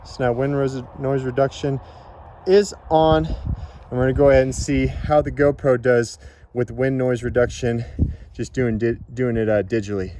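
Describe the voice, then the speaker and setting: A man's voice: mid-range voice, steady tone, moderate pace, mellow, slight background noise. A man giving a casual, informal product demonstration in an instructional way, as a reviewer.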